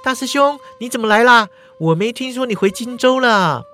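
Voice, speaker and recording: A man voicing a lively, flustered young swordswoman in a storytelling podcast, in a raised whiny voice. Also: normal speed, a little hiss or hum, heavily acted. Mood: cheerful. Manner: bubbly, whiny, high-pitched.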